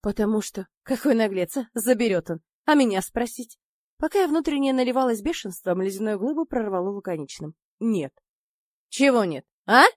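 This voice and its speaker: A woman's voice: a little high, expressive, a little fast, dark tone, no room sound. Woman narrating a first-person audiobook.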